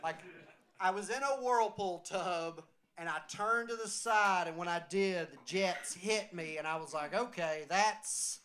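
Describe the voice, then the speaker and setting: A tipsy man with a Southern accent doing a loud, rambling stand-up set in a small comedy venue. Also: high voice. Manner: loud, rambling, excitable delivery.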